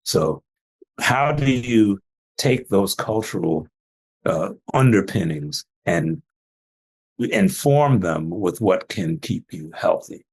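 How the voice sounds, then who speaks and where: An older male physician telling stories in a relaxed interview, laughing often as he talks. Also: deep voice, slow, breathy edge. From Jamaican family, trained in Atlanta. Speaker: physician guest. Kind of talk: casual interview talk.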